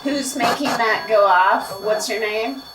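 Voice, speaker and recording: A woman leads a paranormal session, asking spirits short questions aloud and repeating what she takes as their answers. Her voice is fairly high and fairly bright, and she speaks slowly. The distant mic gives an echoey recording full of noise and clicks.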